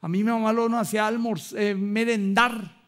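Male pastor, Paraguayan accent, pitched high, lively sermon delivery with acted-out asides. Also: normal speed. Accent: Paraguayan Spanish. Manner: animated, acts out dialogue, rhetorical asides.

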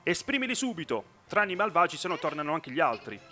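Guy reading a grumpy bossy game warrior prince, curt and snappy, bright voice. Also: fairly high pitch, very animated, quick pace. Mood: impatient. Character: impatient, irritable male warrior prince.

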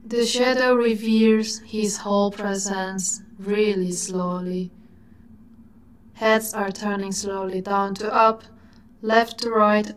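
A woman giving scripted narration in a slow, dreamy way that sometimes drops to a whisper. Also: mid-range voice, slight background noise, poor audio.

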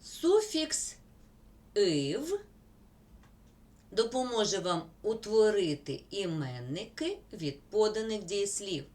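A woman teacher, slowly dictating word examples in a school grammar lesson. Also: medium pitch, sing-song, a little mellow.

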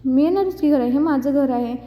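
A defiant young husband with a blunt, teasing manner, as a woman reads his lines. The voice is high and deeply mellow. It is heard in a dull recording with a long echo. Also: brisk, close to an everyday voice. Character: hot-headed young husband defending his family. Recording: dull, reverberant room recording.

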